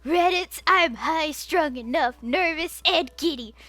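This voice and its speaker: A woman voicing a high-strung, exasperated male stage director who scolds his cast. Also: a little slow, sharp tone, no room sound. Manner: frazzled, scolding.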